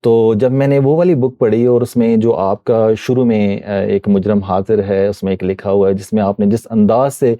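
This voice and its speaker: A middle-aged man from Pakistan, a guest answering interview questions politely and hesitantly, often pausing with fillers. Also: on the low side, fairly even intonation, mellow, no echo. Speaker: guest, voice-over reader of columns. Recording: dull muffled dry sound.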